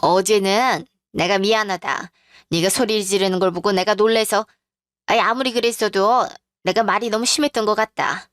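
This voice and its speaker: A woman's voice: medium pitch, steady tone, normal speed, a bit bright, no room sound, studio quality, natural voice. A woman voicing a domineering older mother-in-law who scolds harshly and commands. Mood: apologetic.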